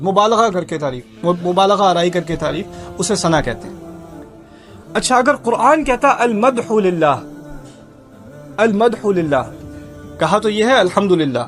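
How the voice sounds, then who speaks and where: Guy doing a quran commentary lesson, high-ish voice, quizzes the audience and repeats words, faint music underneath. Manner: asks listeners questions, repeats key words, recites Arabic verses. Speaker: Quran teacher.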